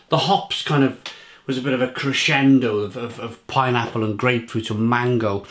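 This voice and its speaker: A British man talks casually to camera as he reviews a beer. He rambles, restarts his sentences and piles up flavour notes with plain enthusiasm. His voice sits at an ordinary middle pitch for a man. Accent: British English. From England.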